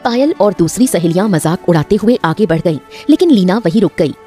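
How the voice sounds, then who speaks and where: A woman narrating a cartoon story with expressive, scripted storytelling. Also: lowish voice, brisk, soft background music.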